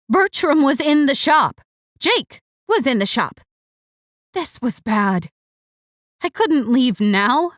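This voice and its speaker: A woman reads a first-person romance audiobook in a fairly high voice. Her delivery is expressive and wry. The recording is close and dry. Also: dry recording. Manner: expressive, wry inner monologue. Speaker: audiobook narrator.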